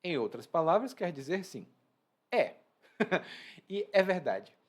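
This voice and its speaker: A Brazilian-accented man with a high voice speaks slowly as a Portuguese teacher, explaining a reading to learners. He's animated, acting out quoted phrases, and talking indoors at home.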